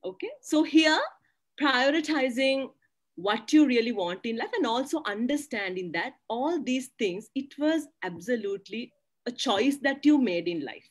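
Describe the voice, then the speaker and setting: A woman in her thirties speaks as a panelist over a laptop webcam in a small curtained room. Her voice sits a touch high. She talks earnestly, leaning on "you know" and "right?" as she makes her points. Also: expressive, unhurried. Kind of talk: panel discussion on a video call. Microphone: laptop webcam on a video call.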